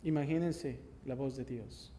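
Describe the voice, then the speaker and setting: A male pastor preaching a sermon and reading scripture, swelling loud then dropping soft, with rhetorical questions to the congregation. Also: medium pitch, steady tone, a little slow, big-room sound, slight background noise. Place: church sanctuary.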